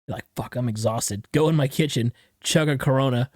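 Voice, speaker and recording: A man's voice: mid-range voice, brisk, dry recording, clean studio sound. A man in his twenties hosting a podcast, laid-back and casually swearing in a chat with friends. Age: 20s. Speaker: podcast host.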